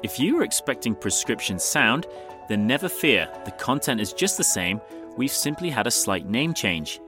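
A man's voice: medium pitch, very animated, normal speed, music in the background. A man hosting a science podcast, reading a polished introduction and asking questions. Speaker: podcast host. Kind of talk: scripted introduction and interview.

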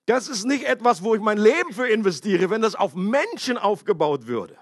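In a dry, studio-quality recording, a man delivers a sermon conversationally at normal speed. His voice sits high and is very animated as he asks his listeners questions and makes playful asides in joking voices.

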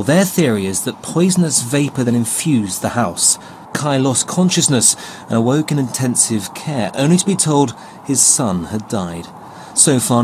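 A man's voice: medium pitch, a little mellow. Male news reporter with faint background noise. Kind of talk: scripted news report narration.

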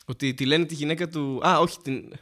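A man co-hosting a comedy podcast, joking and laughing often in casual chat. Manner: laughing, joking, lively pitch. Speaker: podcast co-host.

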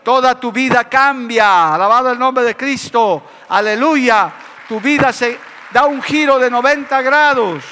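A man's voice: extremely high pitch, measured pace, sharp tone. A man preaching a fervent sermon in a church, repeatedly calling out to his listeners as beloved brothers. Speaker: pastor. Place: church hall, broadcast on radio and TV. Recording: reverberant church hall.

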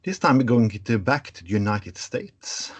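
Husky low Norwegian-native man hosting. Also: unhurried. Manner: relaxed, conversational, laughs easily. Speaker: podcast host. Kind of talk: casual podcast interview.

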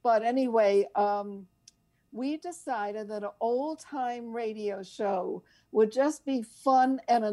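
An older woman co-hosts a radio show, her fairly high voice warm as she chats casually and tells stories. She rambles and gets sidetracked easily.

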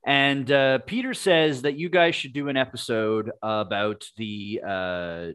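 A man co-hosting a podcast in casual chat, reading listener emails in a dry, deadpan way and tripping over words. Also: medium pitch, unhurried, clear, resonant tone.

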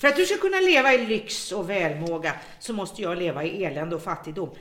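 A woman's voice: fairly low pitch, expressive, a little hiss or hum. An actress playing a worn-out middle-aged woman who has become a bitter, vengeful captor, speaking in a brooding, resentful monologue. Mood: accusing. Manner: bitter, brooding monologue turning to hushed menace. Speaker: embittered former home care worker holding a captive. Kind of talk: radio drama acting.

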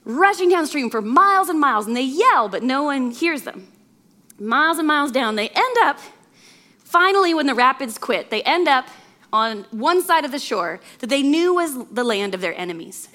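Woman, guest preacher, storytelling sermon, high voice, very expressive intonation, chuckles often. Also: moderate pace.

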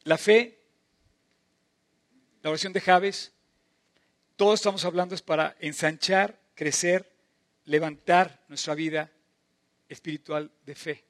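A middle-aged preacher man with a notably high voice delivers a sermon. He is impassioned, rising to loud emphatic bursts, then dropping to soft, drawn-out phrases. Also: fairly even intonation.

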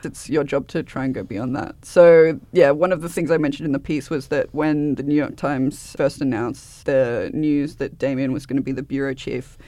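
A man guest on a discussion podcast, talking in a relaxed, easygoing way and laughing often. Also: mid-range voice, moderate pace, few pauses, no room sound. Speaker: guest journalist. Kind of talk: casual discussion.

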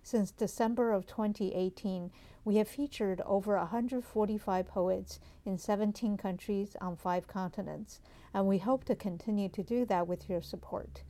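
A woman's voice: medium pitch, steady tone, moderate pace. A woman hosting a poetry podcast, reading announcements and asking questions attentively. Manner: attentive, soft listening murmurs. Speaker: podcast host.

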